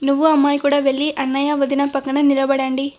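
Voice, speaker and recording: Woman reading fatherly dad figure giving orders, high flat voice. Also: fast, natural voice. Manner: fatherly, directing. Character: kindly older father, commanding family.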